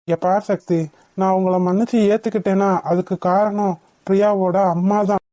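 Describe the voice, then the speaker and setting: A woman's voice: medium pitch, flat delivery, normal speed, mellow, no room sound, lightly acted. A woman voicing a kindly older father-in-law in a cartoon, who talks in a soothing, fatherly way. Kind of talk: cartoon voice acting.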